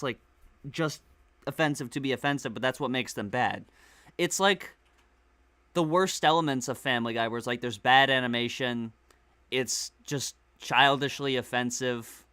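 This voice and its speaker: A man's voice: mid-range voice, bright, forceful tone, clean tone. A man hosting a casual group stream, chatting and picking apart a cartoon with lots of fillers. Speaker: stream host.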